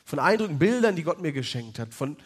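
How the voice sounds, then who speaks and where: A man in his thirties with a fairly high voice tells a personal faith story to an evening gathering. He speaks in a loose, chatty way, often pausing on fillers as he goes. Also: big pitch swings, breathy edge.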